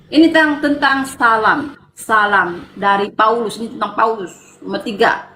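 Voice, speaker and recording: A defiant woman with a high voice argues her point hard and talks over the other speaker. Her voice sounds echoey, with faint noise behind it. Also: moderate pace, bright, forceful tone. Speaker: church leader in debate. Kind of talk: heated online debate.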